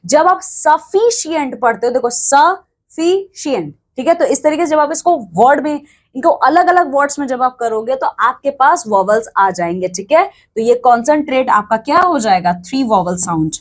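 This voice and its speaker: A woman's voice: high voice, lively intonation, normal speed. A woman teaching an English textbook lesson to students, explaining step by step, counting aloud and often checking they follow.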